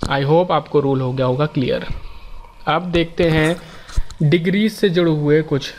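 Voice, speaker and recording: A man teaching an exam-prep grammar lesson, explaining step by step and reading out rules slowly. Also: a little high, a little mellow, a little hiss or hum.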